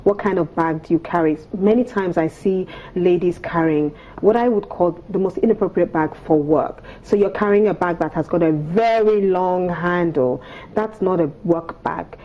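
Her voice lowish and her speed normal, a Nigerian-accented etiquette coach in her thirties explains matters as a guest on a TV morning show, seated on the studio sofa and enunciating in a prim, precise, instructive way. The recording is muffled.

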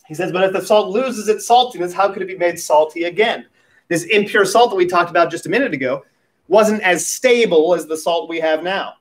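A man preaching a sermon at a pulpit microphone as pastor, talking in a conversational way with light humorous asides. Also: high-pitched.

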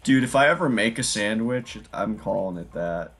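A young man streaming a game, chatting casually with loud jokes and laughter. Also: lowish voice, normal speed, slightly rough. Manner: loud, laughing, joking, lively. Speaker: gaming streamer. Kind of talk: casual chat while playing.

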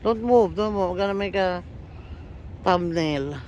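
A woman's voice: fairly low pitch, darkish tone, lo-fi sound, a little hiss or hum. A woman filming a fishing trip on a seaside pier with a phone, narrating casually and laughing often. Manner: chatty, laughs often, slow and simple phrasing. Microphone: handheld phone camera.

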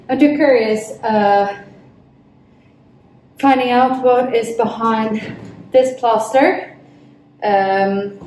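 A woman's voice: a little high, mellow, a little hiss or hum. A young woman, a native Swedish speaker, talks curiously and playfully while opening up a plaster wall in a large bare room. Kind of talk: casual vlog narration while working. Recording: echoey room, far from the mic.

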